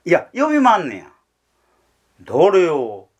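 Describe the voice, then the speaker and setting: A man's voice: high voice, huge pitch swings, takes it slowly, muffled recording, voice pushed up, exaggerated voice. A man voicing a carefree, foolish young idler who rambles cheerfully in a Kansai accent, in rakugo storytelling. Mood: eager rambling. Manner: rambling, cheerful, full of fillers.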